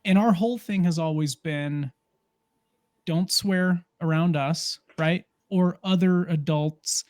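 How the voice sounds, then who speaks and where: A man's voice: fairly high pitch, takes it slowly, darkish tone, no room sound. A man who is a parent, co-hosting a podcast and explaining his view thoughtfully in casual chat. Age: adult parent. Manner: thoughtful, explains with many fillers and restarts.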